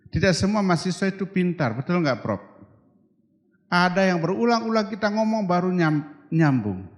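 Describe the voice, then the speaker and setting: An older man from Toraja, a guest preacher, giving a humorous sermon and acting out quoted voices. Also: on the high side. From Toraja, Indonesia. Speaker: guest preacher and seminary rector. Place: large church hall. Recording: long hall reverb.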